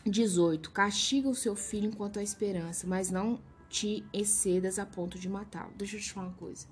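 A woman's voice: mid-range voice, fairly even intonation, a little fast, slight background noise. A woman with a Brazilian accent giving informal devotional teaching, reading a verse and then commenting on it in a blunt, emphatic way. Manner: blunt and emphatic, scolding asides. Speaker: Bible teacher.

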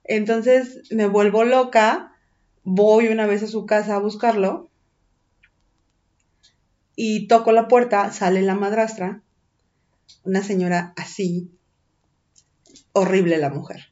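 A woman with a Mexican accent tells a personal story in casual chat, animated and full of slang and swearing. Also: mid-range voice, slow pace, long pauses, highs cut off.

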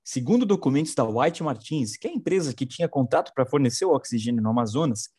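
A man's voice: mid-range voice, expressive, quick pace, darkish tone, slightly rough. A man co-hosting an informal political news show, slangy and sarcastic.

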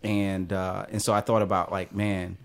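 A man on a podcast panel, speaking thoughtfully and in a measured way, with frequent restarts. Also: deep voice, level tone, gravelly. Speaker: panel guest. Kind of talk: casual podcast discussion.

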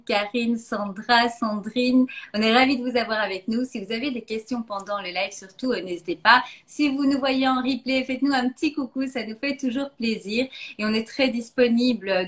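A woman from Belgium hosting a live online interview, chatty and friendly, with many hesitations. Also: fairly high pitch. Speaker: host.

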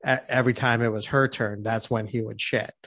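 A man's voice: mid-range voice, steady tone, brisk, fairly bright tone, no echo. A young man co-hosting a podcast, telling candid, profane stories about being a new parent. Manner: candid storytelling, swears freely. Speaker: podcast co-host. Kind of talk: casual chat.

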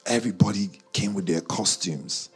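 A man with a lowish voice talks at a moderate pace over faint music. He is casually chatting in London slang to a live audience and online viewers, teasing them throughout. His background is Nigerian, his early years were spent in Guyana, and his schooling was in the UK.

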